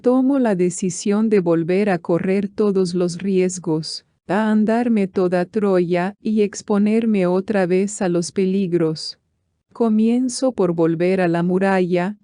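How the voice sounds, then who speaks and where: A woman reading epic poetry aloud in a slow, measured recitation. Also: mid-range voice, dark tone, no room sound, studio quality. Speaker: reader.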